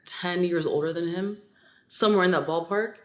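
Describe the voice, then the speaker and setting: A woman co-hosting a podcast, telling stories in casual, animated chat with lots of filler words. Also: lowish voice, moderate pace. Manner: chatty, animated storytelling with many "like" fillers. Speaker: podcast co-host. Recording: roomy echo.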